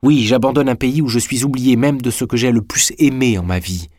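A man's voice: medium pitch, a little fast, a little mellow, no echo, clean studio sound, pitched above the performer's own voice, lightly acted. A man reading aloud, voicing a calculating young man who speaks firmly and resolutely.

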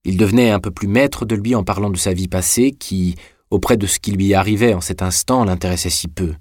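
A man narrating a classic novel in a measured, even reading. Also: low-pitched, no echo, studio quality. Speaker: audiobook reader. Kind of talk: scripted audiobook narration.

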